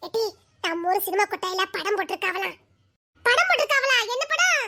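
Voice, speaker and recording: A woman's voice: extremely high pitch, sing-song, brisk, bright, forceful tone. A woman, playing two teasing girlfriends in a comedy skit with playful, melodramatic chatter. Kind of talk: village comedy skit dialogue.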